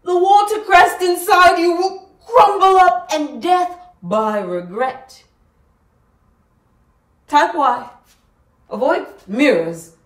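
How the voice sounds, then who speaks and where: An ominous fortune teller, played by a woman, delivers prophecy in a slow, theatrical way, dropping to a hush and then bursting loud. Her voice rises and falls widely. It sounds echoey and a bit distant from the mic. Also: very high voice, expressive, heavily acted. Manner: dramatic swings from hushed to shouted. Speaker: student actor performing a monologue. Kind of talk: theatrical stage monologue.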